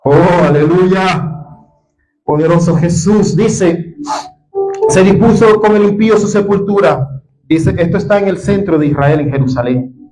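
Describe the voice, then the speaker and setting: Predicador venezolano de voz aguda, apasionado. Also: male voice, high voice, measured pace, faint music behind, low-quality recording. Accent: Venezuelan Spanish. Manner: impassioned, swings from soft to loud. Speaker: preacher. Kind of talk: sermon.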